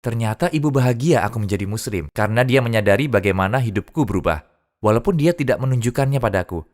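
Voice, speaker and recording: A man's voice: mid-range voice, expressive, fast talker, a little mellow. A man earnestly telling his own conversion story in a dubbed first-person testimony.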